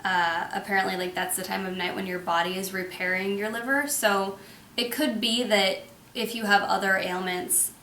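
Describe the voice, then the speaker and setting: Bright-voiced woman telling a story. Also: mid-range voice, fairly even intonation, normal speed, echoey room, a little hiss or hum. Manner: frank, laughs often. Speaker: vlogger. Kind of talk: casual storytelling chat.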